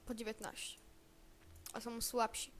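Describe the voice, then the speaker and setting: Woman rambling thru a game, kinda high voice, talks to herself a lot. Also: level tone, measured pace, a little hiss or hum. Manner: chatty, thinking aloud and muttering to self. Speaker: gamer. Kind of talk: casual gameplay commentary.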